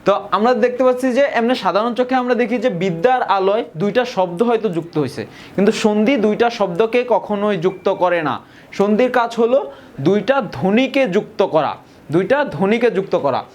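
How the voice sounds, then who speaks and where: A young man from Bangladesh, teaching a grammar lesson and often repeating key points and slowing down on example words. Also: high-pitched. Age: young adult. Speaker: tutor.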